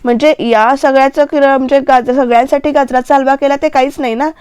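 A woman quoting a gently scolding older mother. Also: sits high, fairly even intonation, dry recording, studio quality, lightly acted. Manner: slow, plain quoted delivery.

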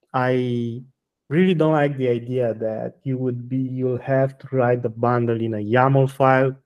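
A man speaks as a guest in a technical interview. He halts and restarts often while he searches for words. His pitch is in the middle for a man. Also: creaky, darkish tone. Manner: hesitant, many restarts and fillers, blunt answers. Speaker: guest software maintainer.

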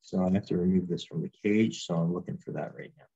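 A man's voice: low voice, fast, breathy edge, dull audio. A man working as a chef, giving a casual cooking demonstration and explaining as he goes. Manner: relaxed, explains as he works, chatty asides.

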